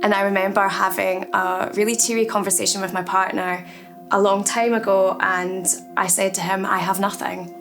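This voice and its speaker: An artist in her thirties from Edinburgh speaks in a documentary interview, her Scottish-accented voice mid-range and fairly flat in pitch. She is soft-spoken, reflective and candid, talking at a moderate pace over background music.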